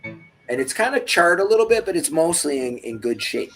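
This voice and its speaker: A man running a tabletop game, narrating in a casual, halting way with many small fillers. Faint music plays behind him. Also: on the high side, very animated, fairly bright tone. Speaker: game master.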